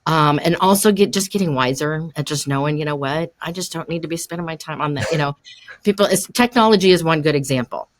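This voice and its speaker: An older woman hosting a podcast, giving encouraging coaching advice in a relaxed conversational way and often laughing as she talks. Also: deep voice, quick pace.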